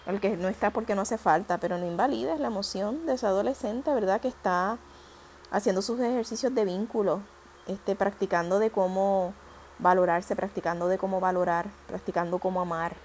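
A woman hosts a reflective audio monologue, gently explaining ideas and thinking aloud as she goes. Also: medium pitch, steady tone, moderate pace, slight background noise. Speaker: podcast host.

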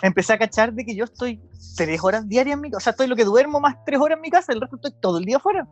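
A man's voice: extremely high pitch, expressive, racing, no echo, dull audio, soft background music. A young man with a Chilean accent hosting a casual podcast chat, rambling and correcting himself as he goes, swearing freely. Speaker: podcast host. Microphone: video call.

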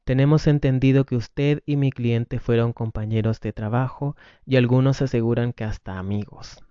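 A man's voice: medium pitch, steady tone, normal speed, dark tone, smooth, dry recording, natural voice. Man reading as a pushy formal lawyer. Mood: insistent. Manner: formal, insistent. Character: persistent formal male lawyer. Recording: dull lo-fi recording.

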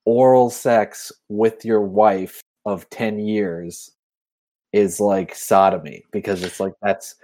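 A man's voice: fairly low pitch, fairly even intonation, slow pace, dark tone. A man co-hosting a podcast, rambling casually through his points. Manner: rambling, many fillers and restarts. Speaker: podcast co-host.

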